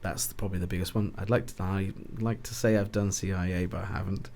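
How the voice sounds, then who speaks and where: In a casual podcast interview, a man with a South Wales Valleys accent rambles hesitantly and keeps correcting himself. He is a boxing ring announcer from Ebbw Vale, a fast talker with a low, slightly mellow voice, vocal fry and little pitch movement. There is slight background noise.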